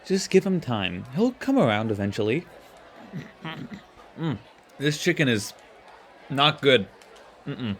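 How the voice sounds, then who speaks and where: A man voicing a wry, earnest teenage boy superhero in an animated series. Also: medium pitch, takes it slowly, pauses often, a little hiss or hum, exaggerated voice. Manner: wry, youthful.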